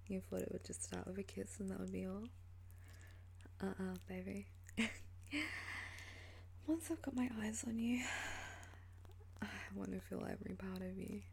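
A woman doing an ASMR role-play as a flirtatious, teasing lover, in a sultry, breathy and seductive voice. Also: medium pitch, fairly even intonation, normal speed, long pauses, warm tone.

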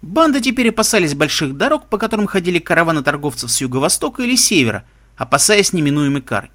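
A man reads a story aloud in a steady, measured voice. His voice sits a little higher than most men's. The delivery is an even audiobook narration. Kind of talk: audiobook reading.

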